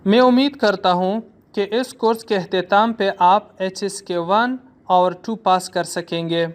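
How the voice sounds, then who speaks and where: A man's voice: high voice, measured pace. A man teaching a recorded language lesson, saying each word three times as a drill.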